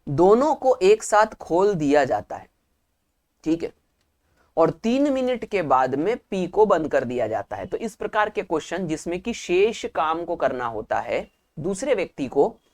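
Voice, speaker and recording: A man's voice: on the high side, sing-song, normal speed. A male math teacher working through exam problems one step at a time. He poses each question aloud and answers it himself, and he repeats the key points to make them stick. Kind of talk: math lesson for exam prep.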